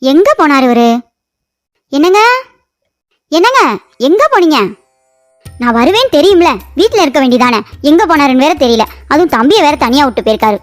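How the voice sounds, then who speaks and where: Guy doing a squeaky fussy wife voice, nags and pleads, cartoon story. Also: sing-song, moderate pace, pauses often, faint music behind. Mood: fretful. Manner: high, pleading, nagging. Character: fussy young wife, doting on pet crow.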